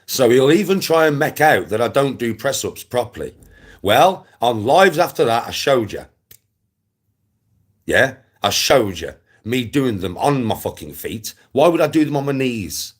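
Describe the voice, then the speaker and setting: A man in his forties with an English accent rants casually on a livestream, his medium-pitched voice swinging widely in pitch. He talks a little slowly with a slightly rough edge, swearing freely, speaking bluntly, and driving his points home through repetition.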